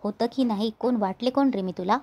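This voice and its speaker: A woman's voice: on the high side, brisk, warm tone. A woman reading a defiant heartbroken young woman. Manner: accusing, insistent outbursts.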